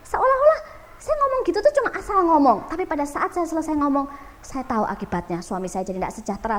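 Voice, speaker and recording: A woman evangelist with an Indonesian accent preaching a sermon, swinging between loud emphatic peaks and low quiet asides. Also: slight background noise.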